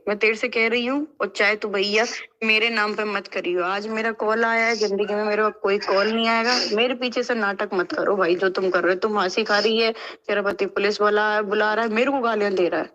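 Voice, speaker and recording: A woman's voice: medium pitch, steady tone, fairly quick, a bit bright. Woman, heated phone call, insistent and angry, keeps demanding agreement. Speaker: caller in a quarrel.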